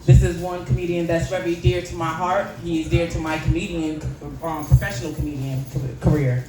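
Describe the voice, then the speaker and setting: A woman emceeing a stand-up comedy show, loud and hyped, laughing often. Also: fairly low pitch, little pitch movement, a little fast. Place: comedy club stage. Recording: echoey room, mic at a distance, noisy crowd.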